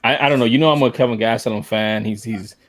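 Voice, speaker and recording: A man's voice: mid-range voice, fast talker. A man co-hosting a podcast, chatting casually about fights, throwing in "man" and "dude" a lot. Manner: animated, says "man" and "dude" often, acts out quotes. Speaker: podcast co-host.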